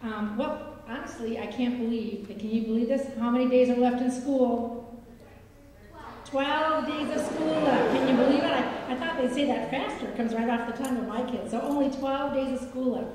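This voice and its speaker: An upbeat, chatty woman emcees a school concert, turning to the audience with questions. Her voice runs a little high and mellow. It comes from a distant microphone in a concert hall with long reverb and faint background noise. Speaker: master of ceremonies at a school concert. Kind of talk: live announcing to an audience. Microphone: hall microphone heard from a distance. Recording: echoey concert hall from far off.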